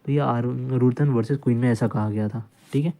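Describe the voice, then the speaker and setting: A man's voice: mid-range voice, steady tone, fairly quick, warm tone. A man giving an informal law lecture, explaining points by retelling cases and repeating phrases, mixing English legal terms into his talk. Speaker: law tutor.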